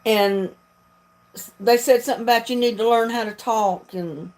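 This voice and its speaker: The audio is poor, but it carries a slightly high, slightly mellow woman's voice at normal speed. She is a video creator from North Carolina with a Southern accent, hosting a livestream with folksy, chatty talk and frequent laughs.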